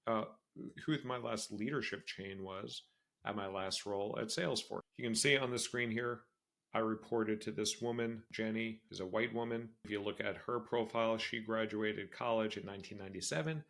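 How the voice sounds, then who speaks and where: A man in his forties hosts a solo career podcast, speaking candidly and conversationally and repeating phrases for emphasis. His voice sits on the low side with a steady, creaky, fairly bright tone at a normal speed. It's recorded on a screen-sharing video podcast setup.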